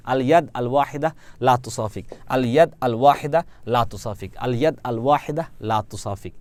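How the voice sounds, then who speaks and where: A man's voice: medium pitch, a little mellow. A man teaching Arabic to Bengali speakers, repeating each phrase several times and then explaining it in Bengali with a Bangladeshi accent. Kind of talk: language lesson with drilled repetition.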